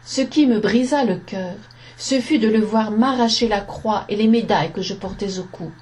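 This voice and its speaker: A woman reading a story aloud in a slow, measured narration, giving the quoted lines a voice. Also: medium pitch, a little mellow.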